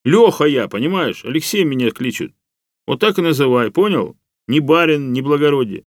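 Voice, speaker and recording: A man's voice: a little high, animated, moderate pace, dry recording, studio quality, voice pushed up, natural voice. A man voicing a blunt, exasperated young fellow who talks in a colloquial, emphatic way.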